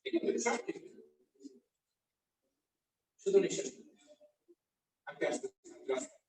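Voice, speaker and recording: A man playing a young man who tends a friend in distress. He sounds urgent at first, then talks calmly, coaching the friend to breathe slowly. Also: natural voice. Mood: soothing. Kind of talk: amateur short-film acting. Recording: very echoey room, voice far from mic, faint noise.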